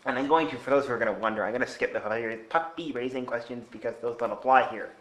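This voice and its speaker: Halting man hosting, echoey room. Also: medium pitch, fairly bright tone. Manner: rambling, halting questions with fillers. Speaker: interview host. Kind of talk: casual interview.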